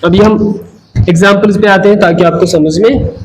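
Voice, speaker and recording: A man's voice: high voice, steady tone, normal speed. A man teaching an Arabic class at a whiteboard. He mixes English phrases into his explanation and often asks the class questions, then answers them himself. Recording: echoey classroom with faint background noise.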